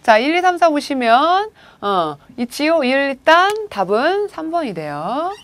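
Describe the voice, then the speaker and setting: Taking it slowly, a Japanese language teacher leads a recorded video lecture on vocabulary, full of prompts and rhetorical questions for her students. Her high-pitched voice is very animated with a fairly bright tone, and there's no echo.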